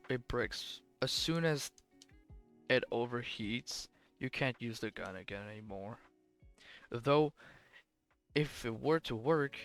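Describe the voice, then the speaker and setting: This young man's mid-range voice is slightly bright but tired and sleepy after a long stretch of recording. Offhand and rambling, he ranks weapons from a game and keeps correcting himself.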